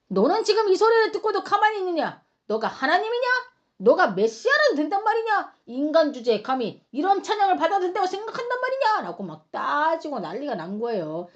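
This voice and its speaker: A woman teaching a Bible study lesson with high, very lively intonation. She tells the story dramatically, with chatty asides to her listeners. The recording is slightly dull and lo-fi. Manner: animated storytelling with dramatic acted-out quotes.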